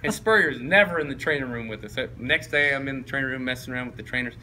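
A man's voice: mid-range voice, quick pace, bright, forceful tone, slight background noise, low-quality recording. A man, a former football player telling laughing anecdotes in a casual interview and often mimicking his old coach. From East Tennessee.

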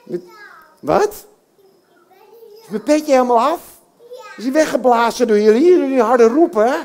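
A woman puppeteer warms up a young audience at a live show. She sounds cheerful and encouraging, and her pitch rises and falls in a lively, expressive way. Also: moderate pace. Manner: encouraging, cheerful, coaxes the crowd with "hè?".

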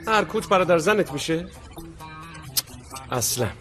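A man's voice: on the high side, expressive, music in the background, close to an everyday voice. A man dubbing a rich young man in a drama, brooding and self-reproaching. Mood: scolding.

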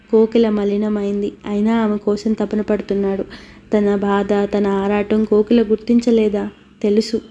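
A woman reading a novel aloud as an audiobook narrator. Her pitch stays almost completely level and her tone is mellow and somewhat dark. She reads in an even, unhurried way. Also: highs cut off.

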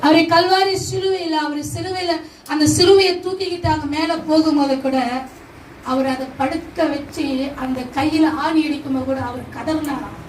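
A woman's voice: sits high, steady tone, normal speed, slight background noise. A woman preacher at a live service, delivering a sermon with repeated rhetorical questions and emphatic repetition. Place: church meeting hall. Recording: echoey hall, distant mic, faint ambience.

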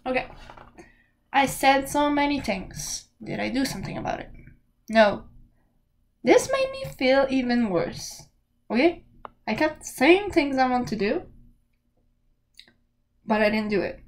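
Young woman, high voice, candid motivational vlog, emphatic, talking to camera. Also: big pitch swings, measured pace, pauses often. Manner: candid, emphatic, says okay often. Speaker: self-help vlogger. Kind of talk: casual motivational talk to camera.

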